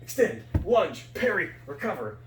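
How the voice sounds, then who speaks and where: A man teaching fencing, calling out crisp, clipped commands as he demonstrates each step. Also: high voice, big pitch swings, a little slow, fairly bright tone, recorded from a distance. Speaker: fencing instructor. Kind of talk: instructional demonstration, conversational. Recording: echoey room with background noise.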